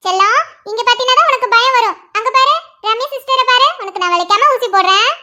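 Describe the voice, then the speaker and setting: A woman's voice: very high voice, quick pace, bright, forceful tone, lo-fi sound, heavily acted. A woman voicing a smiling hospital nurse who coaxes a scared patient with sweet reassurance in a cartoon. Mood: coaxing.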